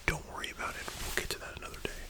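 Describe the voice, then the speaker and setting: Soft library whisper, casual ASMR fan talk. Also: very fast. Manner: soft unvoiced whispering throughout; informal, opinionated, slangy. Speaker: host of an ASMR channel.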